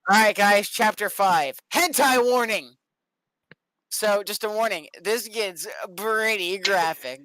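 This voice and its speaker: A woman's voice: mid-range voice, takes it slowly, a bit bright, dry recording, poor audio. A woman stammering and giggling as she reads fan fiction aloud on a group stream. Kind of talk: comedic fan fiction reading.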